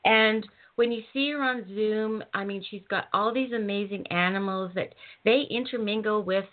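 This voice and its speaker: A woman hosts an interview and gushes about her guest, filling her talk with ums and false starts. Her voice sits at an everyday middle pitch. The sound is narrow and tinny, like a phone line. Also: moderate pace. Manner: gushing, with many ums and restarts. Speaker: host. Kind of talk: casual interview chat.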